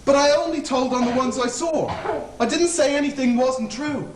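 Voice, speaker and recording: A young male student actor plays a fawning, nervous Irish convict hangman in a stage play, stammering and rambling anxiously. His voice is very high-pitched at a moderate pace, heard from a distance on an echoey stage with a noisy background.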